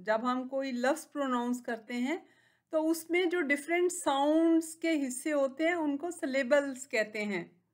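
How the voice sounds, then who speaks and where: A woman with a Pakistani accent gives a recorded school lesson to young children. Her voice is high, and she speaks slowly, stretching each word out and praising the children gently. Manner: gently encouraging. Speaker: teacher.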